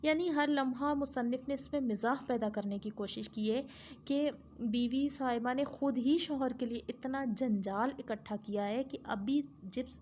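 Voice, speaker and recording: A woman teacher with a fairly high voice walks her class through a story, explaining as she goes and leaning on filler phrases. A faint hiss sits under her voice. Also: mellow. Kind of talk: lesson retelling a story.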